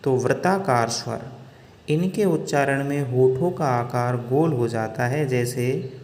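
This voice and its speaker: Slow, deliberate male grammar teacher, echoey room. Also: medium pitch, a little mellow, a little hiss or hum. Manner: slow, deliberate, drawing out example sounds. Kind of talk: slow classroom-style grammar lesson. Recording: echoey room with long reverb.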